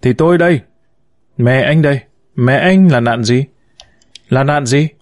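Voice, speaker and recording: A man's voice: mid-range voice, measured pace, dry recording, studio quality, natural voice. A man voicing a bitter, wounded middle-aged mother who reproaches and laments to her son in an audiobook story. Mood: outraged. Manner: reproachful, lamenting, sharp-tongued.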